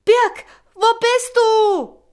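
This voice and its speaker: Woman reading a hurt, headstrong girl, storybook style: pleading, a bit higher, slow. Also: animated. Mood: desperate. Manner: pleading, tearful. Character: Ronja, spirited robber's daughter, young girl, stubborn and hurt.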